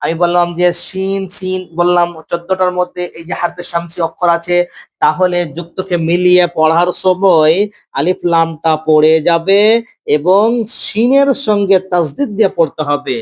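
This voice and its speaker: High-voiced man teaching Arabic grammar. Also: fairly even intonation. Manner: slow, drawn-out pronunciation of examples; repeats points and tells students to listen. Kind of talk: classroom grammar lecture.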